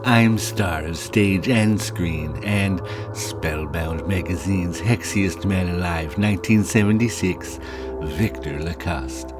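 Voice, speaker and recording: Comedy horror host, played by a man: vain faded star, hammy, low, slow delivery, music behind. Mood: pompous, promotional. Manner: theatrical, pun-loving showmanship. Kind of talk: scripted comedy horror hosting.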